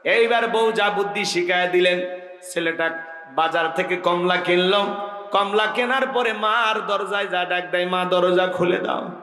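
A man preaching a waz sermon. He tells a story with passion, chants some phrases in a sing-song, and shouts at the peaks. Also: high-pitched, unhurried, reverberant, in a large hall. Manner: acts out the characters' dialogue in his own voice.

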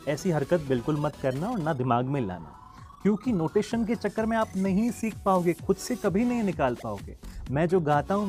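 A man's voice: high-pitched, a little mellow. A man teaching a flute lesson in a casual, chatty way, singing the note names aloud as he goes. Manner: chatty and encouraging, sings the notes aloud. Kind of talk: casual online music lesson.

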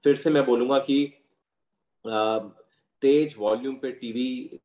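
A man speaking as an ENT doctor, walking through symptoms and care advice in an explanatory way. His voice sits at a middle pitch and rings in a roomy, echoey space. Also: fairly even intonation, slow pace, darkish tone, slight background noise. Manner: explanatory, patient advice with medical terms. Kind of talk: medical interview answers. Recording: roomy echo.

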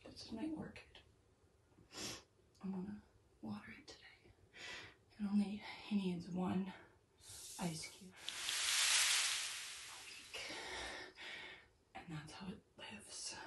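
A woman's voice: medium pitch, steady tone, takes it slowly, pauses often, very noisy. A young adult woman talking casually to camera, breathless and shivery as she sits in ice cold water. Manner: gasping, breathy talk while sitting in ice cold water. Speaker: challenge vlogger. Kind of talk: casual self-talk to camera during ice bath challenge. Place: small tiled bathroom, in a bathtub. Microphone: camera a few steps away. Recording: echoey bathroom, distant camera microphone.

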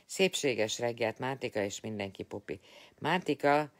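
A man's voice: medium pitch, lively intonation. A tired man hosting a casual live stream, chatting, teasing and greeting viewers by name.

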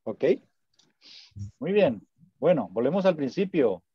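A man's voice: on the high side, big pitch swings, takes it slowly, breathy edge, no room sound, muffled recording. A man teaching an online Spanish class, patient and encouraging, repeating words so students can drill them.

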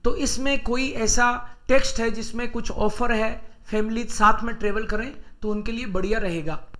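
A man teaching German exam strategy, reading German aloud slowly and explaining it in Hindi while thinking aloud. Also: very high voice, fairly even intonation, a bit bright.

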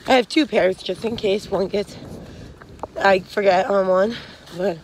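At a measured pace and with fairly even intonation, a young woman speaks in a darkish, medium-pitched voice against slight background noise. She vlogs frank hiking advice from a wooded trail, rambling with lots of fillers while holding her phone at arm's length.

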